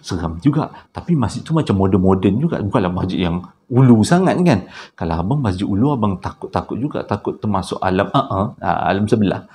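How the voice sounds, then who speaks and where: A man with a Malaysian Malay accent telling a horror story in a conversational way, with tag questions and hushed tense moments. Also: lowish voice, expressive, fairly quick, a little hiss or hum.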